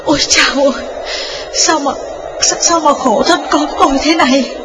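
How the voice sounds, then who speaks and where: A man's voice: extremely high pitch, normal speed, background noise, pitched above the performer's own voice. A man voicing a grieving mother in her fifties who stammers out tearful pleas. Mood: anguished.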